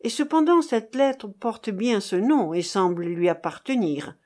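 A woman's voice: mid-range voice, animated, a little slow, darkish tone, lightly acted. Woman reading as a fierce brooding old sailor. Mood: urgent. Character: grim weathered male sailor, fierce and brooding. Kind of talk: audiobook dialogue reading.

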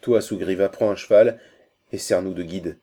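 A man's voice: low voice, steady tone, moderate pace, dark tone. A man reading aloud and voicing an old Indian prince, a grief-stricken father who turns wrathful and commanding. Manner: anguished, then commanding and vengeful.

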